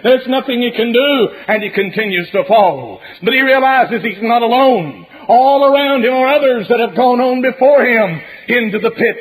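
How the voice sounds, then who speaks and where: In poor-quality audio, a high-voiced male preacher delivers a fire-and-brimstone sermon, animated and at normal speed with little pausing. He repeats himself dramatically, stretching phrases to press every warning.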